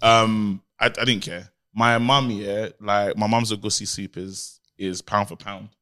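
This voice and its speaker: A man with a London accent bantering casually in slang as a podcast host, animated and excitable. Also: fairly low pitch, measured pace. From Nigerian family, Delta.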